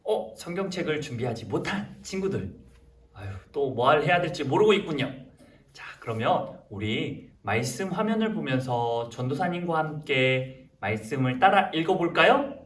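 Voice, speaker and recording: A young man, a junior pastor, leading a lively sermon for kindergarten children, coaxing and animated. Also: on the high side, normal speed. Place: church room. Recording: roomy and distant.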